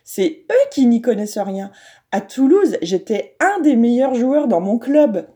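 A woman doing a sturdy, good-natured schoolboy rugby player, raised high and louder than the telling around him, in a read-aloud storybook. He talks with eager enthusiasm, his voice warm and mellow underneath. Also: big pitch swings, unhurried. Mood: indignant.

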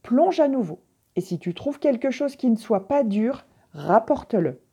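A woman's voice: a little high, very animated, normal speed, mellow, slightly rough, full character voice. A woman reading aloud voices a lonely old male coyote spirit, in an earnest, eager storytelling voice.

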